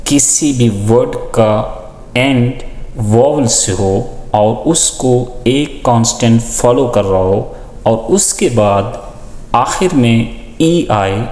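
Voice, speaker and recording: A man teaching a lesson with on-screen examples, deliberately listing and repeating example words. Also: medium pitch, a little mellow. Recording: echoey, reverberant room.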